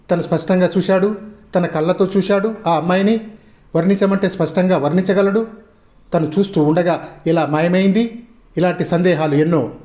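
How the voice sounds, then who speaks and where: A man reading a suspense novel aloud as narration, measured and questioning. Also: fairly high pitch, dark tone. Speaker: storyteller. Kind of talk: scripted narration. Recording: roomy echo.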